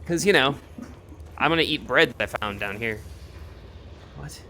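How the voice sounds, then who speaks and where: A man's voice: mid-range voice, lively intonation, normal speed, sharp tone, slight background noise. A man streaming a game, rambling to himself in casual commentary as he plays. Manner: rambling, talks to himself while playing.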